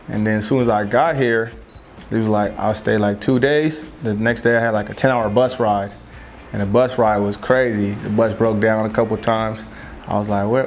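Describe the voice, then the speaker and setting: Laid-back young man, flat low voice. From Southern California. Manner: loose, rambling, filler-heavy. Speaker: American football player. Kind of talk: casual interview talk.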